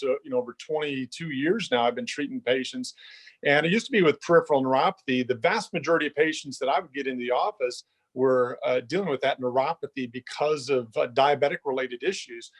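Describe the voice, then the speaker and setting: Matter-of-fact middle-aged male chiropractor. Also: medium pitch. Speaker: chiropractor, guest. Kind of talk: casual interview chat.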